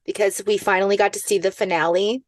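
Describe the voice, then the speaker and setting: A woman co-hosting a casual podcast, gossiping and retelling reality-show moments in an animated way. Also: mid-range voice, fast talker, slight background noise. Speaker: podcast co-host. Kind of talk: casual chat.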